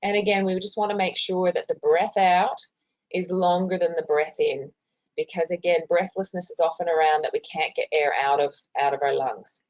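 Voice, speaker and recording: Casting: Australian woman, health educator, lowish voice, informal explanatory delivery, muffled webinar sound from a hospital. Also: steady tone, moderate pace, a little mellow. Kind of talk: informal instructional presentation. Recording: muffled, dull webinar audio.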